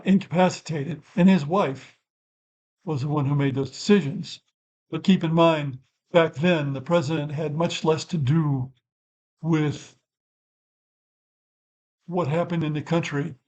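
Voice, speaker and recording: A man's voice: a little high, a little mellow, dull audio. An older man hosting his own channel, talking through a topic in an unscripted, rambling way and correcting himself as he goes. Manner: rambling and thoughtful, self-correcting asides. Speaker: channel host. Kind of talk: unscripted explanatory talk.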